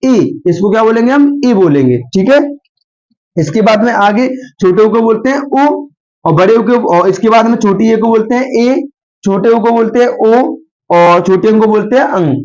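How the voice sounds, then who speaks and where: A slightly hoarse man teaching the Hindi alphabet, asking questions and answering them himself while drawing out each syllable. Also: high voice, normal speed, darkish tone. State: slightly hoarse from a sore throat. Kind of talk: slow spoken Hindi alphabet lesson. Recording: dull lo-fi recording.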